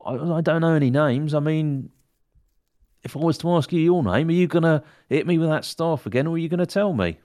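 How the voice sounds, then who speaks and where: A man's voice: a little high, a little fast, darkish tone, voice pushed up, lightly acted. A man voicing a nervous male adventurer who stammers as he tries to bluff his way out. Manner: stammering, anxious.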